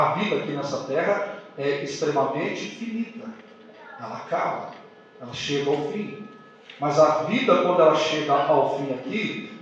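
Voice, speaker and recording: A pastor preaching a sermon, asking the congregation questions. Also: male voice, on the high side, recorded from a distance, a little hiss or hum. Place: church hall. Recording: echoey church heard from afar, dull sound.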